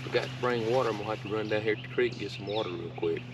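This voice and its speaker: Middle-aged man, folksy self-talk, low voice, distant camera mic, outdoor noise. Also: racing. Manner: folksy, muttering to himself, talking to the camera. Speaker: outdoors vlogger. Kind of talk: casual solo narration while camping. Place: forest clearing outdoors. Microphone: camera set on the ground some distance away.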